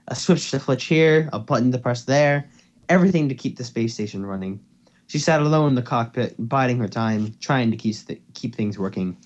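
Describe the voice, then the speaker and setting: Over a noisy home voice call, a man informally reads fan fiction to his co-host, stumbling on words and starting over. His mid-range voice is a little mellow, and the recording sounds muffled.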